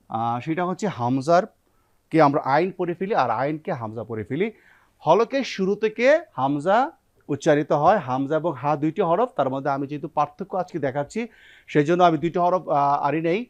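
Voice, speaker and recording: In a TV studio, a man with a Bangladeshi Bengali accent hosts a Quran recitation lesson, guiding students through repeated pronunciation drills in call-and-response. His voice is a little high, and the recording sounds muffled.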